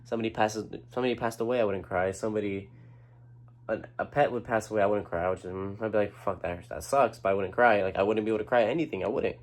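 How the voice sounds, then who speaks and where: A man's voice: on the low side, quick pace. A young man talking to camera about his own feelings, earnest and rambling, with restarts and casual swearing. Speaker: vlogger. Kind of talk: personal talk to camera.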